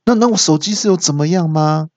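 A man voicing an angry, panicky young woman accusing someone of stealing her phone, in a shrill, accusing way. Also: sing-song, measured pace, dry recording. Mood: indignant.

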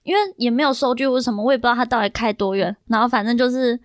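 Young Taiwanese woman guest, high and quick, dry close sound, rambling anecdotes. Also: no room sound. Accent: Taiwanese Mandarin. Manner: animated, rambling with many fillers. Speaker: podcast guest. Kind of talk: casual chat, storytelling.

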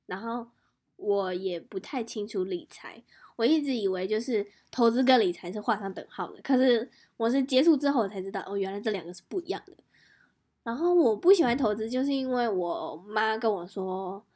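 A woman hosting a podcast, telling a personal story in a lively, animated way with quick restarts. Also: medium pitch. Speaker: podcast host. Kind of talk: casual podcast chat.

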